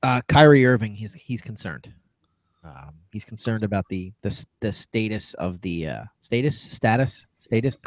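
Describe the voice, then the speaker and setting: A man's voice: lowish voice, lively intonation, normal speed, creaky, no echo. A man co-hosting a casual sports podcast, rambling through stories and laughing at his own jokes. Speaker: podcast co-host.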